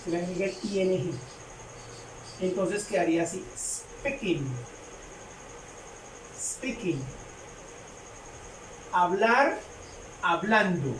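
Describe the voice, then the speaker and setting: A woman explaining a grammar rule to a class, halting often with fillers and repeating her phrases. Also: lowish voice. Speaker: English teacher. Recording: echoey room, distant mic, faint noise.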